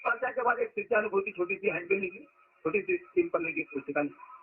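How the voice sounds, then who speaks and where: Guy preaching in a chatty way, pretty high voice, tinny phone-like sound. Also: very animated, quick pace, creaky, a little hiss or hum. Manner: conversational, asks rhetorical questions. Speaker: spiritual teacher. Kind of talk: informal spiritual discourse.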